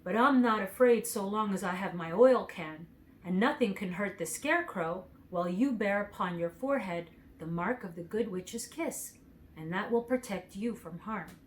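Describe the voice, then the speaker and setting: A woman's voice: mid-range voice, moderate pace, a little hiss or hum, lightly acted, rough recording. A woman voicing a kindly male tin woodman while reading a children's storybook aloud. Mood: reassuring.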